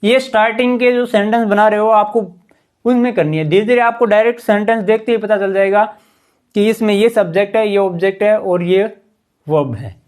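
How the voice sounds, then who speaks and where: A man's voice: high-pitched, a little fast, darkish tone. A man teaching English grammar in a classroom-style lesson, patiently quizzing his listeners with rhetorical questions. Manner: patient, keeps asking the class rhetorical questions and saying "ठीक है".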